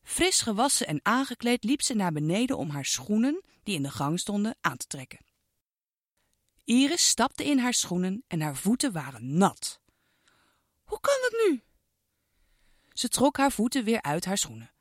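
A woman narrating a children's storybook with an expressive, sing-song delivery aimed at a child listener. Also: mid-range voice, moderate pace, no echo, studio quality.

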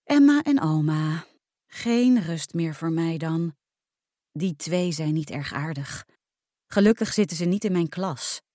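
A woman narrating a first-person storybook aloud in a lively, expressive reading. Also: lowish voice, dry recording, clean studio sound.

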